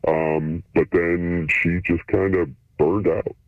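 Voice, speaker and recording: A man speaking through a voice changer that shifts his voice deep, chatting in a laid-back, hesitant way as an anonymous radio guest. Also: little pitch movement, slow. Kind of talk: casual chat. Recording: phone-like line through a voice changer.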